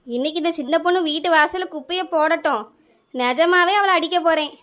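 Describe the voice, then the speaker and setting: A high, piercing voice with a Kanyakumari Tamil accent belongs to a quarrelsome village neighbour, played by a woman. She scolds and complains without pause. Her tone is bright and sharp. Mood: grumbling.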